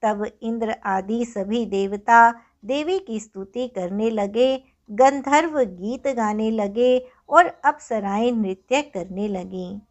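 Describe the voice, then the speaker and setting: A woman narrating a scripture story as a devotional reader, with measured, solemn recitation. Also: on the high side, lo-fi sound.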